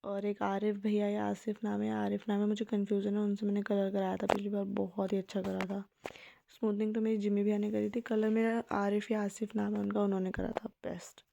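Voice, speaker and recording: A young woman narrating a casual vlog voice-over in a soft, hushed, chatty way. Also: mid-range voice, monotone, a little fast, vocal fry. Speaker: vlogger.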